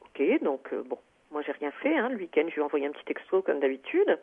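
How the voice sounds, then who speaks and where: A woman's voice: low voice, very animated, a little fast, husky. Woman on the phone, lots of euh and restarts, tinny phone-line sound. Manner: hesitant, many fillers and restarts. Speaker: caller. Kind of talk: phone-in personal account.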